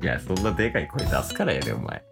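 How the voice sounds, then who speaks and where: A man's voice: low-pitched, huge pitch swings, quick pace, vocal fry. A man in his late twenties with a Kansai accent, playfully teasing and scolding his partner in an improvised comedy skit. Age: late 20s. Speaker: comedy duo member. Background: background music.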